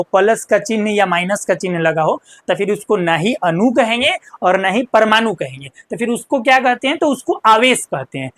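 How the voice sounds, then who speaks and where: Woman teacher, chemistry lesson, somewhat high voice, dry recording, asks and answers her own questions. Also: no room sound.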